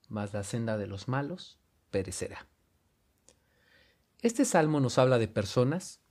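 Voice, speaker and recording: A man's voice: medium pitch, darkish tone. Earnest Mexican man preaching a sermon. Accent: Mexican Spanish. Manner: earnest, measured preaching with emphatic stresses. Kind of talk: sermon with scripture reading.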